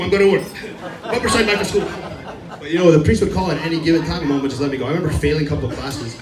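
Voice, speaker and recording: A man's voice: mid-range voice, far from the mic. A man doing a loose, self-mocking stand-up set on a club stage, rambling and laughing at his own jokes. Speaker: stand-up comedian. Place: comedy club stage before a live crowd. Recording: roomy club audio from afar, crowd laughter.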